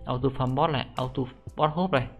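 This creaky-voiced young gaming YouTuber talks fast in a mid-range voice during a casual screen-recorded tutorial on a game script. Music runs underneath as he chatters in excitable slang, with the same sentence-end particles over and over.

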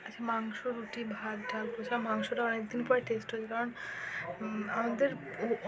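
A young mother, chatting casually in a home vlog, speaking softly so as not to wake her husband, with many fillers. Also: a little high, poor audio. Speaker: vlogger and mother. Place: sunny home balcony. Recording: clear background noise.

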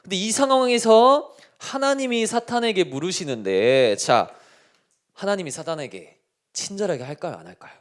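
A man's voice: high voice, moderate pace. Man preaching animatedly to children. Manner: lively, keeps asking the children questions. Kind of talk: children's sermon.

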